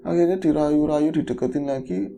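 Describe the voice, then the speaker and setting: Gravelly man telling a horror story. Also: moderate pace, slight background noise. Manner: acts out the characters' lines with sharp jumps up in pitch and loudness. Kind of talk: casual storytelling chat.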